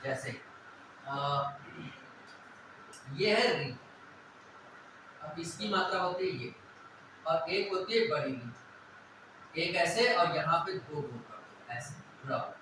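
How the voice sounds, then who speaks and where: A man's voice: fairly high pitch, animated, slow pace, pauses often, background noise. A man teaching a Hindi grammar lesson, explaining step by step and often checking whether students follow. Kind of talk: classroom lecture on Hindi vowels. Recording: echoey room, voice from a distance.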